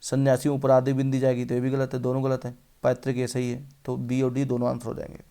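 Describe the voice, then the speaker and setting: Gravelly man drilling spelling answers. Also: medium pitch, monotone, quick pace, mellow. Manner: repeats words and quizzes the viewer. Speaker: teacher. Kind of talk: exam-prep lesson on spelling.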